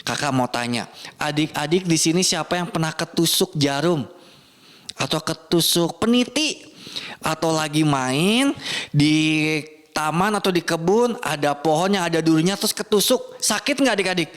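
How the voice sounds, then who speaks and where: Young guy kids church teacher, high voice, playful, keeps asking the kids stuff. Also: moderate pace. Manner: animated, playful, asks the kids questions. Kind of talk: Bible storytelling for children.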